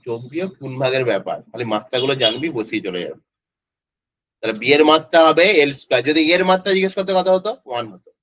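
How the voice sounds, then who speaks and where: A man's voice: mid-range voice, fast, a bit bright, no room sound. A male physics tutor, teaching an online class in a casual way and quizzing students by name. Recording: dry, slightly dull lo-fi audio.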